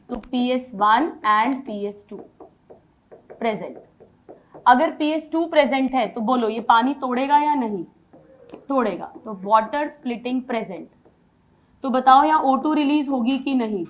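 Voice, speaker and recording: A woman teaching biology in a classroom-style lecture, asking questions, answering them herself and slowly dictating notes in English. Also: sits high, lo-fi sound.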